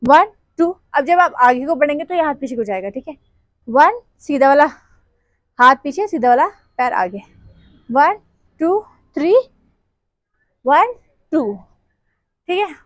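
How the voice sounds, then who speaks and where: A dance teacher leads a class, counting beats aloud and sometimes singing along as she demonstrates. Her voice sits high for a woman. The sound is close and dry, with little room echo. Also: animated, a little slow, pauses often, a bit bright. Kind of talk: dance tutorial instruction with counting.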